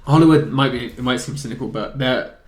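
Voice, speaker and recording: A man with a brisk, mid-range voice hosts a video game chat show, leading a casual, opinionated conversation among friends. The recording picks him up in a roomy, echoey indoor space.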